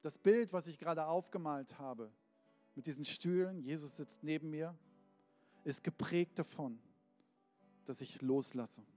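A man preaches earnestly in a fairly high voice, speaking straight to each listener. His words carry a long hall reverb, with faint band music in the background. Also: measured pace, pauses often, a little mellow. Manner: earnest, direct address to the listener. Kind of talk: sermon with storytelling. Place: large church hall with a live band.

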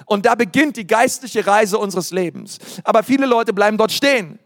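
A man preaching as a pastor, lively and casual, with many fillers and slipping into other voices to mimic listeners. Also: sits high, normal speed. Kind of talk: sermon. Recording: long hall reverb.

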